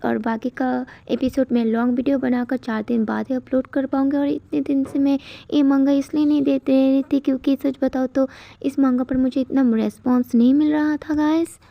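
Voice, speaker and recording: Woman chatting thru a comic story to her viewers, high voice, bit of fry. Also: mellow, no echo. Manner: chatty, addresses viewers as guys. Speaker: manhwa recap narrator. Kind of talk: casual storytelling narration. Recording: dull lo-fi dry recording.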